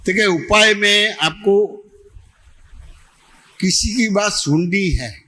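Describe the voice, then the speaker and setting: In an Ahmedabad devotional gathering hall, a spiritual teacher runs a satsang question-and-answer session in a slow, high voice that's bright and forceful. He repeats points patiently and keeps checking that he's been understood.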